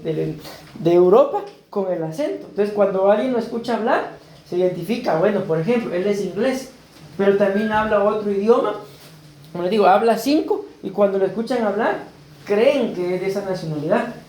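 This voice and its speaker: A man's voice: high voice, lively intonation, brisk, a little mellow. A man preaching a sermon as pastor, talking in a conversational way and often checking in with his listeners. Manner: conversational preaching, keeps asking "¿verdad?". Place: church hall. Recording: echoey church room, faint background noise.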